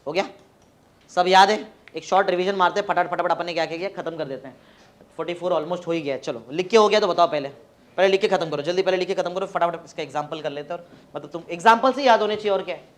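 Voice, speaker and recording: A man teaching chemistry in a classroom, dictating notes slowly and spelling words out letter by letter. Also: sits high. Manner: mixes Hindi and English, urging students to hurry.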